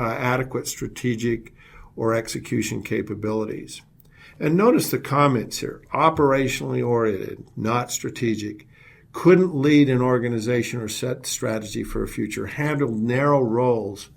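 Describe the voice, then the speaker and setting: A man's voice: mid-range voice, creaky. A man presenting a business webinar as a leadership consultant, telling anecdotes and often repeating words as he restarts.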